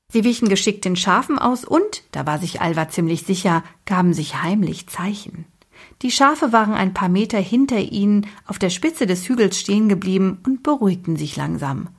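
A woman with a breathy voice reading a children's book aloud expressively, dropping to a whisper at tense moments. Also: mid-range voice, lively intonation, moderate pace. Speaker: storyteller.

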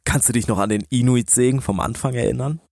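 A male podcast co-host tells stories conversationally in a dry recording with almost no room sound. His pitch sits in the middle of the male range. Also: fast, vocal fry, a little mellow, no echo.

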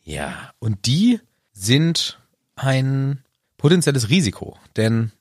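A man co-hosting a podcast, with deadpan jokes and a lively, swinging pitch. The recording is dry and close, with no room echo. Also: slow, slightly rough. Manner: dry joking, deadpan one-word replies. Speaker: podcast co-host. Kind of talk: casual chat.

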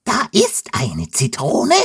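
Wilde Wutz, a wild-boar princess. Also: male voice, huge pitch swings, takes it slowly, vocal fry, husky, full character voice. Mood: eager. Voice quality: squeaky, squealing. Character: squeaky young wild-boar princess, headstrong and eager. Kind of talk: storybook reading.

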